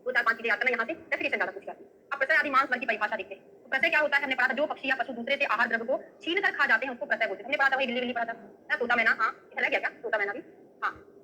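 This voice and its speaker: Brief: woman lecturer, bright, fairly high voice, checks in with the class, uses memory tricks. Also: racing, a little hiss or hum, low-quality recording. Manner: asks students questions and checks with "है ना?"; memory tricks and everyday examples. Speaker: Ayurveda teacher. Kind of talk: online exam-prep lecture.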